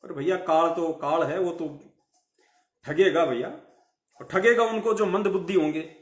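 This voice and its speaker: A fiery devotional sermon delivered live at a measured pace: the man, whose voice sits high and carries a light tinge, scolds the listeners, asks rhetorical questions and repeats phrases to drive points home. The sound is roomy and echoing.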